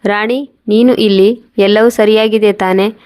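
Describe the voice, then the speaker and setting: A woman reading the lines of a kind female friend in a storybook tale, gentle and concerned. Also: mid-range voice, steady tone, a little slow, natural voice.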